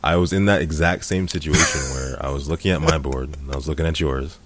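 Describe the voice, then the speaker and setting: Man, extremely deep voice, relaxed, reviewing his own card game match. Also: brisk. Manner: relaxed, easygoing, laughs readily. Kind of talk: casual game commentary.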